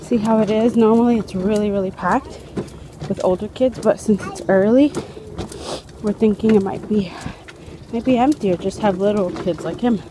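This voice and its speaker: Gushing young mom vlogging over background noise. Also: female voice, mid-range voice, moderate pace. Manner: gushing, chatty, drops to soft half-whispered asides. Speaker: vlogger and mother. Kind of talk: casual vlog narration. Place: home indoors, then an outdoor park.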